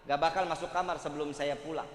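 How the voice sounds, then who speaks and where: A man's voice: a little high, steady tone, fast talker. A man with a Betawi accent preaching a humorous sermon to a gathering, teasing and joking with the audience. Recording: echoey hall with faint background noise.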